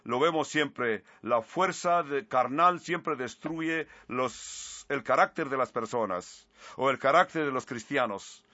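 Bright-voiced preacher. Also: male voice, mid-range voice, slow pace, no room sound. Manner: earnest, retells scripture with asides. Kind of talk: sermon. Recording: slightly muffled recording.

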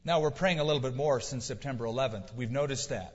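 A man's voice: mid-range voice, fast talker, breathy edge. Male preacher in a reverberant hall. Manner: storytelling preacher, rising to emphatic questions. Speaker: pastor. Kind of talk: sermon. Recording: dull lo-fi sound with long hall reverb.

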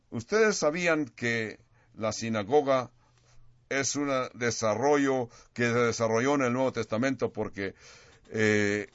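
A man's voice: medium pitch, dry recording, lo-fi sound. A male pastor preaching a sermon, stressing words and repeating phrases for effect, sometimes restarting a word mid-sentence.

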